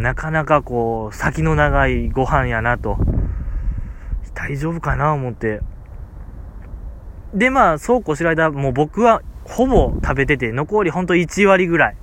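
A man's voice: fairly high pitch, noisy background. A man with a Kansai accent who tells a casual story on a podcast, rambling with many fillers. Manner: rambling, filler-heavy, amused. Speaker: podcast host.

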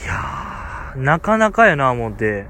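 A man's voice: medium pitch, big pitch swings, measured pace, bright, forceful tone, a little hiss or hum. A man with a Kansai accent who tells a casual story on a podcast, rambling with many fillers. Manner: rambling, filler-heavy, amused. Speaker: podcast host.

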